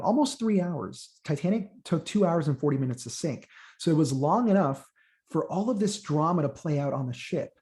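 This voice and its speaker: Man, young adult, from Honduras, Spanish first language, slightly high voice, eager, repeats words, video call guest. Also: mellow. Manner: eager, repeats words when starting a thought. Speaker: guest, Titanic content creator. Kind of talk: casual interview chat.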